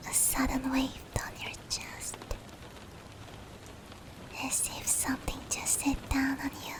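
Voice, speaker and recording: In a breathy, whispery, high-pitched voice, a woman plays a female sleep paralysis demon in roleplay ASMR, her hushed phrasing close and drawn out. The character's teasing menace turns tender as steady rain falls behind her.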